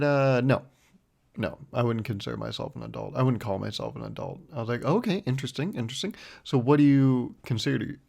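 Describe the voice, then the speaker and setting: A man in his twenties talking casually and rambling on his solo podcast, self-deprecating, recorded close on a mic with a foam windscreen. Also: vocal fry. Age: 20s. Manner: rambling and self-deprecating, lively swings in pitch. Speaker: podcast host.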